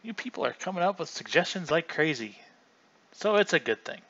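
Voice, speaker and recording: A man's voice: on the high side, big pitch swings, brisk, fairly bright tone, muffled recording. A man hosting a casual livestream, chatty and rambling, often restarting mid-sentence. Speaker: livestream host.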